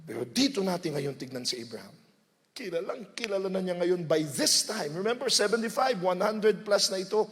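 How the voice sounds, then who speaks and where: A man with a Filipino accent preaching a sermon in Tagalog and English, animated and teasing, often asking the crowd questions. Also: sits high, moderate pace, slight background noise. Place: large hall. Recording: long hall reverb.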